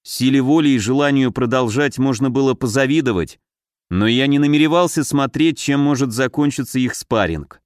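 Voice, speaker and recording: Male audiobook narrator, mid pitch, dry close sound, steady reading. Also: moderate pace, dry recording. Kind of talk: scripted fantasy narration.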